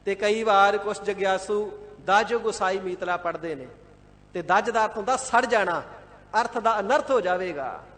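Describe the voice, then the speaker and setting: A man giving a devout, measured scripture sermon, explaining and repeating words one by one and at times chanting a verse. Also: high voice, fairly bright tone, long reverb tail. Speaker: Sikh scripture expounder. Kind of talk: line-by-line scripture exposition sermon. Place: large gurdwara hall.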